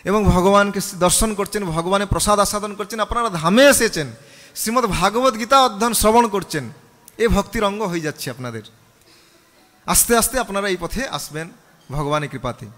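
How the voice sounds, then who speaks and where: A man's voice: high voice, animated, fairly quick, fairly bright tone, big-room sound. A man, a monk, preaching a scripture sermon, asking the audience questions and leading them in chanting. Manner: call-and-response, chants the mantra with the audience.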